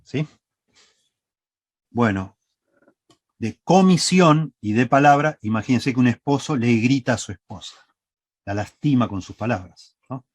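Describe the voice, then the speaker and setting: A man's voice: mid-range voice, measured pace, long pauses, dry recording. A man preaching a sermon with an Argentine Spanish accent, teaching step by step and checking in with the congregation. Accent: Rioplatense Spanish. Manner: teaching, asks the congregation "¿sí?" often. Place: church.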